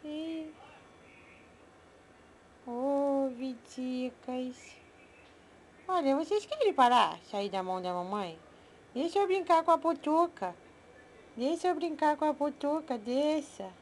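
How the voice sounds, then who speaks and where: A woman talking baby talk to her pet turtles, cooing in a high sing-song way and calling herself mama. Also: lively intonation, slow pace, long pauses, slight background noise.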